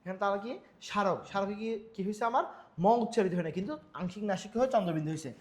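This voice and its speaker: A young man teaches at a rapid clip, his voice sitting high. He keeps asking himself questions and restating each rule as he walks through exam-prep slides. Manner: repetitive, quizzing himself with rhetorical questions. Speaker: Bengali grammar teacher.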